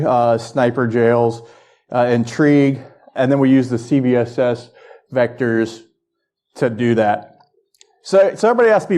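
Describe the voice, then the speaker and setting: A man's voice: mid-range voice, a little mellow. A man presenting an informal technical lightning talk to an audience as a conference speaker, in a conversational way that checks in with listeners. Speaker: conference speaker, security research director.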